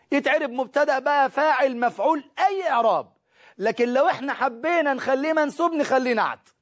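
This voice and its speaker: A man with an Egyptian Arabic accent teaching a recorded grammar lesson, lively, asking questions and answering them himself. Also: extremely high pitch.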